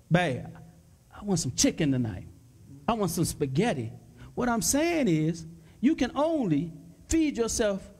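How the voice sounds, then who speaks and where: A pastor with a very high voice that swings up and down a lot, speaking in a panel discussion. He repeats his points fervently and grows excited and loud. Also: breathy edge. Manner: fervent, repetitive exhortation.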